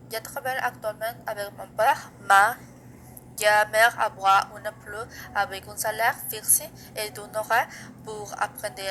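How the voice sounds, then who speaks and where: Slow, flat-voiced teenage girl. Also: mid-range voice, a little hiss or hum, low-quality recording. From Mexico. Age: teens. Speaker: student. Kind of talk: reading a self-introduction.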